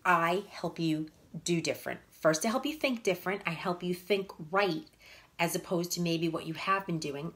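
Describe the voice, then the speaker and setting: A woman in her fifties, a fitness and nutrition coach, giving blunt, emphatic motivational talk to viewers on a live stream. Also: fairly low pitch. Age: 50s. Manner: blunt, emphatic, repeats points for punch.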